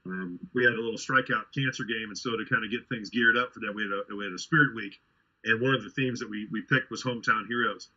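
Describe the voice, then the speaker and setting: Husky Midwestern man, bright lo-fi sound. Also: fairly low pitch, fairly even intonation, fast talker. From Ohio, US. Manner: storytelling with many fillers and restarts, laughing. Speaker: podcast co-host. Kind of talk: casual chat. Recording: dull lo-fi sound.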